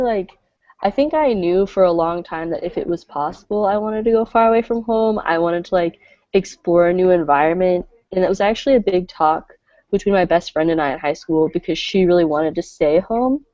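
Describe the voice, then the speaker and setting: Low, mellow young woman, chatty. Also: normal speed, no room sound. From American South. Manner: chatty, heavy use of "like". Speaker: college student panelist. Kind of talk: casual panel talk. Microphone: video call. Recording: dry lo-fi video call audio.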